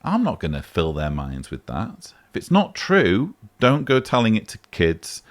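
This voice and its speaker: A man hosting a vlog takes on a voicemail, arguing emphatically in casual commentary and rising sharply on key points. His voice is lowish with wildly swooping pitch, delivered at a measured pace.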